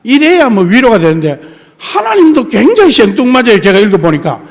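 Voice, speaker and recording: A man's voice: very high voice, huge pitch swings, a little fast. An older male pastor with a strong Gyeongsang accent from the Tongyeong and Geoje area, preaching a sermon in a folksy, joking way and acting out the dialogue he quotes. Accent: Gyeongsang, Tongyeong-Geoje dialect. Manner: folksy, acts out dialogue in many voices, jokes with the congregation. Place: church sanctuary. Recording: long church hall reverb.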